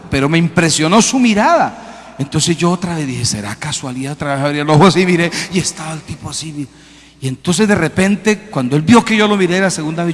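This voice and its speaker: Animated preacher in a reverberant hall. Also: male voice, on the high side. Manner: animated, acts out quoted voices, lively storytelling. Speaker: pastor. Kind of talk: sermon with storytelling.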